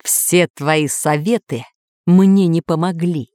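A woman's voice: fairly low pitch, slow pace, dark tone, no echo, studio quality. A woman voicing a pompous, angry male villain lord in a children's audiobook, growling and snapping. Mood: furious. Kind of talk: audiobook character voice.

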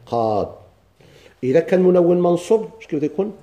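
A man with a Moroccan Arabic accent teaching a grammar lesson. He reads lines of a text slowly, asks the class questions and answers them himself. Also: high voice, animated, dark tone.

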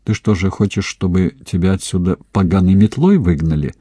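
A man's voice: deep voice, fairly quick, mellow, husky, no room sound. A man voicing a scheming young woman friend who talks coldly and with a sneer, in an audiobook. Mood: scolding. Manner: cold, sneering.

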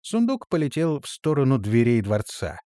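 A man narrates a fantasy storybook with dramatic flair. His pitch rises and falls widely. The sound is dry and close to the mic. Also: sing-song, normal speed, dark tone, no room sound. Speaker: audiobook narrator.

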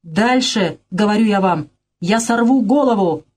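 A woman reading the part of a proud, scheming gentleman suitor in a haughty, insistent way. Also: medium pitch, measured pace, husky, voice pushed up. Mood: indignant.

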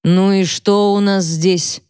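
A woman's voice: medium pitch, fairly even intonation, warm tone, clean tone, no echo, studio quality, natural voice. A woman voicing an irritated, self-important husband who talks down with sarcasm. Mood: condescending. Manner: condescending, sarcastic, slow.

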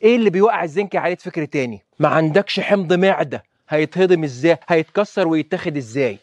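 A man with an Egyptian Arabic accent, a doctor giving a lively health lecture who keeps quizzing his listeners with rhetorical questions. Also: a little high, quick pace, no echo, dull audio.

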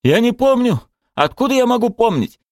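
A man's voice: very high voice, very animated, moderate pace, no echo, clean studio sound, pitched above the performer's own voice. A man voicing a scared young male driver. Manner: defensive, shouting back.

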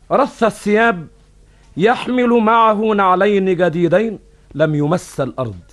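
High-voiced cafe storyteller. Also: male voice. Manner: declamatory, formulaic addresses to listeners. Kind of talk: Arabic cafe storyteller narration in formal classical Arabic.

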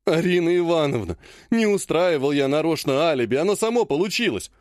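A man's voice: a little high, lively intonation, fairly quick, no echo, studio quality, lightly acted. A man doing a whiny, panicky young healer. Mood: whining. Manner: whining, pleading, tearful.

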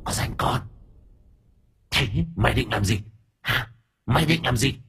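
A man's voice: medium pitch, measured pace, gravelly, fairly bright tone, voice pushed up. A man voicing a possessed old woman whose hateful spirit hisses and shrieks curses in a storybook. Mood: menacing.

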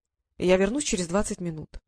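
A woman voicing a chatty young female aide who talks nonstop and loudly. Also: on the low side, a little fast, dry recording, clean studio sound, close to an everyday voice. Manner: chatty, loud.

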